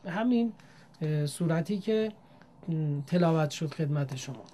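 A woman teaching Quran reading, speaking politely and formally to learners and drawing out each demonstrated syllable in a measured way. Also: deep voice, expressive, dark tone. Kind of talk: recitation lesson.

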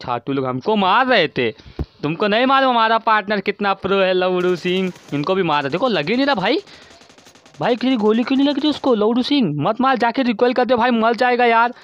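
Foul-mouthed man yelling at teammates. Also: high-pitched, animated, fairly quick, muffled recording, slight background noise. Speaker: gaming streamer. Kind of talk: profane gameplay commentary.

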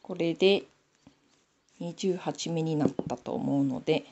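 Chatty gravelly-voiced Nanbu-accented woman. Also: low-pitched, unhurried, lo-fi sound, background noise. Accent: Nanbu dialect of Aomori. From Aomori, Japan. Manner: chatty, talking to herself while knitting. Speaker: sock knitting YouTuber. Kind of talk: casual knitting tutorial chat.

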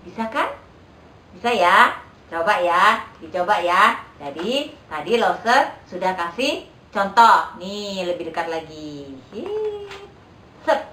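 A woman's voice: lowish voice, lively intonation, slow, bright, forceful tone, far from the mic. A woman leading a children's Sunday school lesson, patient and coaxing, often checking that the kids follow along. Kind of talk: children's lesson over video. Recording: echoey room, voice a bit off-mic.

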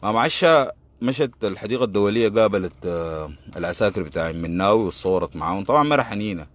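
A man with a Sudanese Arabic accent delivers a heated political commentary monologue in a fairly low, expressive voice, speaking fast. He is combative and sarcastic, hammering his points by repeating them.

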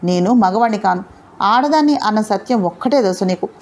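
A fierce young heroine from an audio novel, voiced by a woman reader. She sounds proud and defiant, scolding in heated lines that climb higher in pitch. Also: animated, brisk, a little mellow, lightly acted. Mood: scornful. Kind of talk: audio novel character reading.

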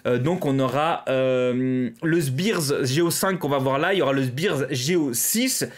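A man's voice: mid-range voice, a little slow. A French man hosting a live stream, chatting casually with lots of fillers and small laughs at his own fumbles.

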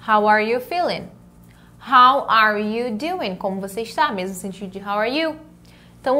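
A young adult Brazilian woman with a Brazilian Portuguese accent, teaching an online English lesson in an upbeat way, drilling words slowly. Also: a little high, pushed and bright.

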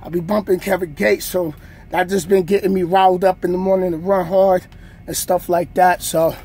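A man's voice: high voice, breathy edge. A man in his thirties, a truck driver, chatting casually to viewers from his sleeper cab while showing a workout. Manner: slow, relaxed talk to viewers, showing a bunk workout. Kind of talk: casual vlog chat. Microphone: phone camera on a stand nearby.

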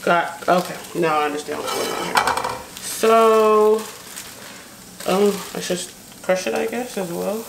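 With vocal fry, long pauses, and an unhurried medium-pitched voice, an American woman makes casual, unscripted talk while cooking for her vlog. Sounds of a sizzling pan, clicks, and stirring carry in the echoey home kitchen, where the stove sizzle is noisy.

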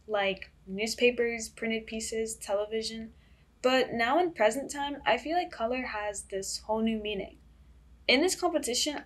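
Teen girl guest on a school podcast, eager, bit rehearsed, higher voice. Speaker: student filmmaker guest. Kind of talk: podcast interview.

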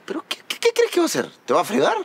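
An actor playing an affectionate, encouraging young boyfriend with a Peruvian accent in a telenovela. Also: male voice, very high-pitched, wildly swooping pitch, racing, gravelly, slight background noise, exaggerated voice. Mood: teasing. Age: 20s. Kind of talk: telenovela acting.

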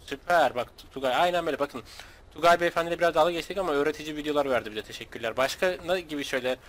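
Gaming host, man from Turkey, high voice, excitable, joking and foul-mouthed. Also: racing. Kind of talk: casual gaming commentary with a friend.

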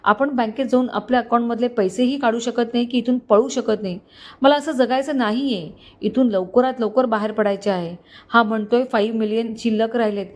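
A woman voicing a furious, desperate young female criminal who rants in a shrill voice. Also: steady tone, fairly quick, lightly acted. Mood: enraged.

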